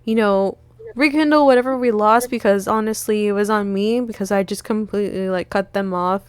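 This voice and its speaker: A woman's voice: medium pitch, fairly even intonation, brisk, clean tone, no room sound. A woman co-hosting a casual chat, telling a long story in a rambling way and acting out what people said. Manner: rambling, retells with quoted dialogue. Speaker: podcast co-host.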